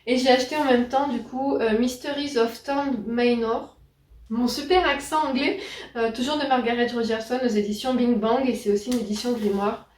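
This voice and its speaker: A woman's voice: fairly high pitch, steady tone, a little fast, slight background noise. A woman chatting casually about her new books, with many fillers and self-corrections. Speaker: book YouTuber. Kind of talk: casual book haul vlog. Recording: roomy, distant mic.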